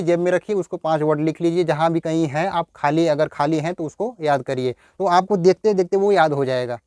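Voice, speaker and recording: A man's voice: a little high, darkish tone, clean tone, no echo, clean studio sound. A man teaching English grammar in Hindi, repeating words and asking his students rhetorical questions. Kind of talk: Hindi-language grammar lesson.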